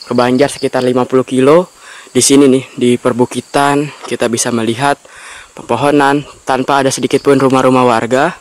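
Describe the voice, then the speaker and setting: Smooth-voiced man narrating a travel vlog. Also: mid-range voice, flat delivery, a little fast. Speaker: vlog host. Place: outdoors by a railway tunnel mouth in forested hills.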